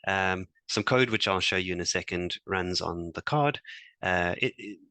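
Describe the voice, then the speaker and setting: Man, very low voice, bright tone, halting tech demo talk. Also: no echo. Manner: hesitant, many restarts and fillers. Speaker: community demo presenter.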